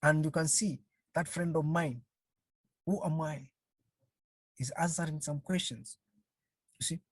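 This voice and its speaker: A counselling trainer's slightly rough, medium-pitched voice carries an online webinar over a video call, with fairly even intonation. The talk is slow and halting, full of repeated phrases and rhetorical questions for the audience. There's no echo.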